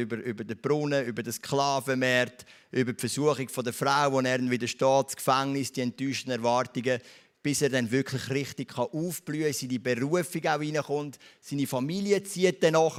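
A man with a Swiss German accent preaching a sermon, retelling a story and turning often to speak straight to his listeners with quick tag questions. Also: medium pitch, fairly bright tone.

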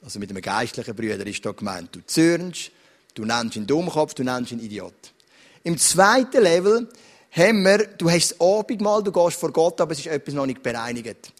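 A middle-aged man with a Swiss German accent gives a sermon as a pastor. He tells stories in a lively, direct, chatty way and talks straight to the listeners. His voice sits a little high for a man. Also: moderate pace. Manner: animated storytelling preacher, direct and conversational.

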